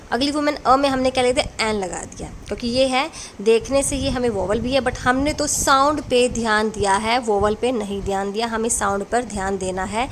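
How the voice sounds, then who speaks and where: A woman's voice: a little high, a bit bright, a little hiss or hum. A woman teaching English grammar in a classroom lesson, explaining rules patiently and answering her own questions as she goes.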